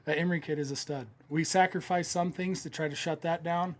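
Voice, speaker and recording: A man's voice: on the high side, fairly even intonation, brisk. A man, a football coach, talking candidly and a little out of breath in a postgame interview. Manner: candid, laughing, plainspoken.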